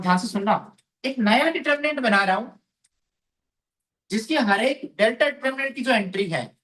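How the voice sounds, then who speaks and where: A man's voice: extremely high pitch, fairly bright tone. A man teaching a math class to students. He repeats phrases and asks questions, then answers them himself. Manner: calls students "beta". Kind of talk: classroom lecture. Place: classroom with a board.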